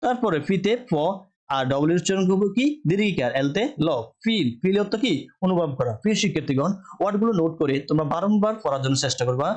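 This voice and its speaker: A man's voice: sits high, animated, quick pace, darkish tone. A man teaches English word sounds. He poses each question and answers it himself, spelling letters out and repeating words in a patient classroom rhythm. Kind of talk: spelling-and-pronunciation lesson.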